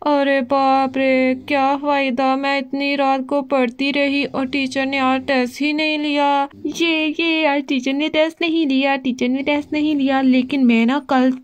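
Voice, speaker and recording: A woman's voice: high voice, flat delivery, measured pace, hardly any pauses. A woman voicing a timid little girl doll who is scared of tests, talking in an anxious, stammering way in a doll play story. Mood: nervous.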